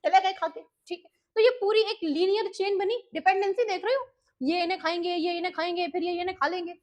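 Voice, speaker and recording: Super high voice woman teacher, indian english, chatty revision class, keeps asking then answering herself. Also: brisk. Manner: lively, chatty, mixes Hindi and English, asks and answers her own questions. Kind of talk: exam revision lesson.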